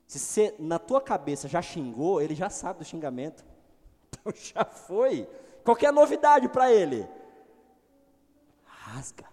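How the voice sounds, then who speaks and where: Animated preaching man in a reverberant hall. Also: measured pace, pauses often. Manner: animated, swings between loud exclamations and low asides. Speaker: pastor. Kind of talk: sermon.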